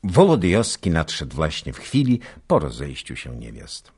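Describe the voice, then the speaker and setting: Male audiobook narrator, deep and husky, slow, very expressive. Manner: unhurried, expressive reading. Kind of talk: scripted literary narration.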